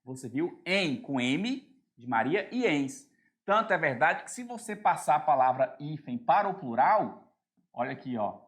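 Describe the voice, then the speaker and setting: Male Brazilian grammar teacher, slightly high pitch, exam-prep lesson, spells out endings, checks in with the class constantly. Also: very animated, unhurried, fairly bright tone. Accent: Brazilian Portuguese. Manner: keeps checking in with the class using short tag questions; spells out letters and word endings one by one.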